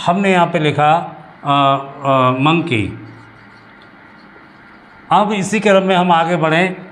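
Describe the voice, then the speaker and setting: A man gives a patient grammar lesson, circling back over each point and repeating it. His voice sits a little high for a man. A faint hiss of noise runs under the recording. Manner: explains slowly with many repetitions and restarts. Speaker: English teacher. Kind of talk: classroom-style grammar lesson.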